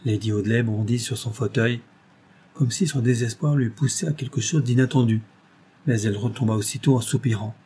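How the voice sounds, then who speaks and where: A man narrating a classic novel as an audiobook in a steady, measured storytelling manner. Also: medium pitch, slight background noise.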